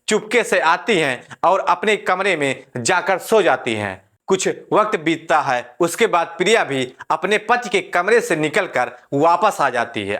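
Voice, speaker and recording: A man tells a crime story in an unhurried, conversational way, often leaning on spoken fillers as he goes. His voice sits a little higher than most men's. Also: a bit bright. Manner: plain retelling with many spoken fillers. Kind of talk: storytelling narration.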